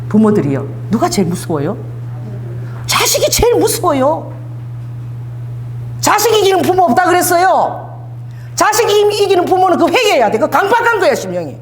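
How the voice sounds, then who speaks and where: A high-pitched, middle-aged woman pastor preaching with strong emphasis. Her voice leaps widely from line to line, and she has the congregation repeat lines after her. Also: a little hiss or hum. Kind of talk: sermon.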